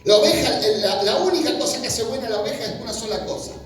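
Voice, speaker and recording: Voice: mid-range voice, quick pace, soft background music. A preacher giving an in-person sermon in a colloquial, conversational way, often restarting phrases and acting out quoted lines. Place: church gathering in person. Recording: very echoey room, speaker far from mic.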